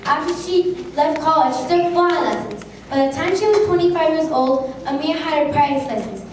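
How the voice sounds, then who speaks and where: A woman's voice: sits high, brisk, a little mellow. A woman reading scripted narration aloud for an amateur history play. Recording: very echoey hall, distant mic, faint noise.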